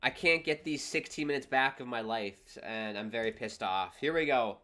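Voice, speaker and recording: A man's voice: medium pitch, moderate pace, pushed and bright. A man hosting a livestream, giving casual, wry and exasperated reactions to a boxing match as it plays. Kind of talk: casual live commentary.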